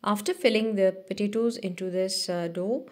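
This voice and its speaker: Speaking at a moderate pace in a mid-range voice, a woman who hosts a cooking channel provides the voice-over for a cooking video. She walks through each step steadily, now and then restarting slightly.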